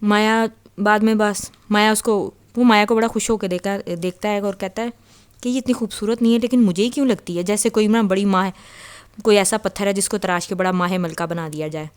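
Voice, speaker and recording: A woman's voice: medium pitch, steady tone, clear, resonant tone. A woman casually retelling a novel as a storyteller, chatty and loose, with frequent fillers and restarts.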